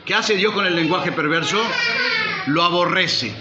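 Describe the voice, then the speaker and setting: A man's voice: high voice, expressive, measured pace, very noisy. A male pastor preaching a sermon, firing rhetorical questions at the congregation and calling for amen. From Uruguay. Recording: roomy, slightly dull church recording.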